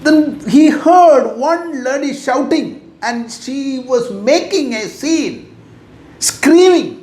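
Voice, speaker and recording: Slow, high-voiced Indian English speaker. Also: male voice, expressive, a little mellow. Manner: slow, deliberate, repeats key phrases. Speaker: motivational teacher. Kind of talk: motivational talk. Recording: echoey room.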